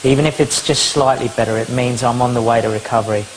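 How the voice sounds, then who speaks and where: A man's voice: medium pitch, steady tone, quick pace. Chatty man, noisy kitchen. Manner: chatty, upbeat, self-mocking. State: out of breath. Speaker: reality show participant. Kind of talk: casual talk to camera. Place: home kitchen. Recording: noisy home recording.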